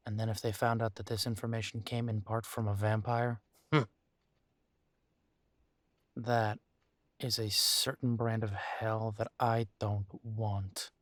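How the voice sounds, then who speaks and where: In this intimate roleplay audio drama, a male actor gives a low-pitched werewolf leader a protective, earnest, weary but determined voice. He talks deliberately with pauses and barely moves in pitch, keeping the intonation quite level. The sound is dry and close with no room sound, and the mood is wary and brooding.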